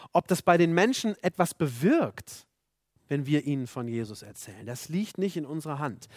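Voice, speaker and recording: Brief: male preacher, fairly high voice, earnest and emphatic, dry close recording. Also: no echo. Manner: earnest, emphatic, repeats rhetorical questions. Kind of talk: sermon.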